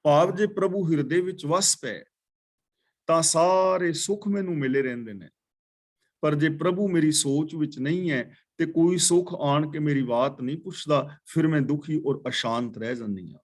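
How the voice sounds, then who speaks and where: A man teaching a scripture class, chanting verses slowly and then patiently explaining them word by word. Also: fairly high pitch, a little mellow. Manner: patient, corrects pronunciation. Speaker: katha teacher.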